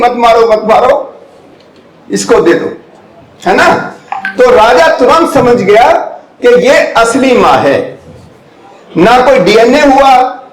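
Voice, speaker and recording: An older man from India lectures students with a notably high voice. He drops English phrases into his explanations and keeps checking whether they follow. The hall around him rings with echo. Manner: keeps checking the audience follows, with rhetorical questions. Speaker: guest lecturer. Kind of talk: classroom lecture.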